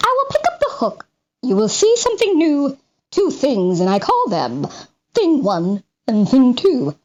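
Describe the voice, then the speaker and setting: High-pitched animated tomcat, performed by a woman, playful showman, coaxing, drawn-out storybook delivery. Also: exaggerated voice. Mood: showy. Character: playful, breezy, showboating tall male cat in a hat.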